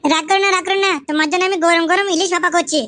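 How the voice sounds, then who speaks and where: Flirty cartoon mother-in-law, coaxing, bright and fast woman voicing. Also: extremely high pitch, steady tone, no echo. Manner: coaxing, sweet-talking. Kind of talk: comic cartoon voice acting.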